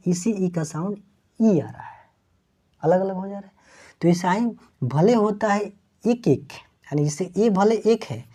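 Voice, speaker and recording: Speaking in a mellow, mid-range voice, a woman leads an English lesson on letter sounds. She puts questions to her students and echoes back every answer.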